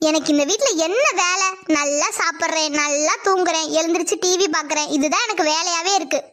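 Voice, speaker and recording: Woman doing a sharp-tongued lazy girl, very high and quick, grumbling back-talk. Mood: cheeky. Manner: grumbling, talks back cheekily. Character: sassy lazy young village daughter. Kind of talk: Tamil cartoon voice acting.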